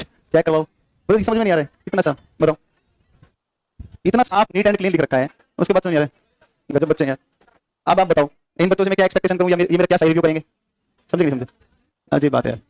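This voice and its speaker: Slightly high and a little mellow, a young man's voice is heard in a dry recording. Battling a sore throat, he drills exam-prep geography facts fast, repeating quiz questions to his students.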